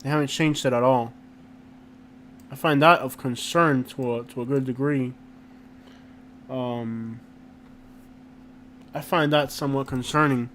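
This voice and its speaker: A man hosting a casual live stream, talking in an informal, slangy and halting way and often repeating himself. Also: medium pitch, fairly even intonation, fairly bright tone, a little hiss or hum. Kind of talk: casual live stream chat, reacting to viewers. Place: inside a rented house.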